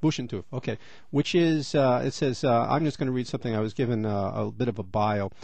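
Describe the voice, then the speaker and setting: A man's voice: mid-range voice, fairly even intonation, a little fast, vocal fry, a little mellow, no room sound. A middle-aged man hosting a radio interview, chatty and rambling with many fillers. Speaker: radio host.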